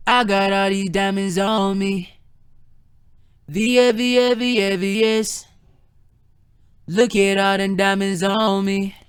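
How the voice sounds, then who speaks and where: Guy rapping through a pitch shifter, chipmunk voice, auto-tuned, super smooth dry sound, slow and monotone. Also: no room sound. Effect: pitch-shifted high chipmunk-like vocal with auto-tune. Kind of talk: rapped vocal demo over a beat.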